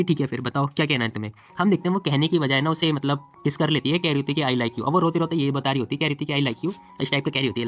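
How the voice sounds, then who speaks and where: His voice sits on the high side and sounds fairly bright. Chatting through a comic story, he retells the scenes, quotes the characters' lines in their voices, and adds his own remarks.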